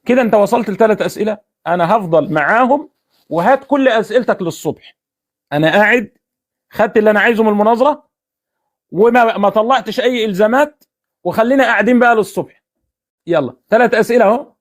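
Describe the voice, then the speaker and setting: A man's voice: high-pitched, expressive, quick pace. A man with an Egyptian Arabic accent in a heated religious debate, pressing and repeating his question with taunts.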